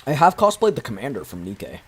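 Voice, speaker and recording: Brief: young male streamer, husky voice, lively swings in pitch, casual rambling. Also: brisk, faint music behind. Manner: rambling, many fillers and restarts. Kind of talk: casual gaming chat.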